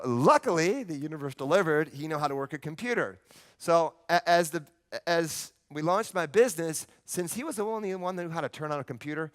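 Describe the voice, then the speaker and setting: A man presenting at a live seminar, telling a story on stage in an animated, emphatic way. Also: on the high side, clean tone.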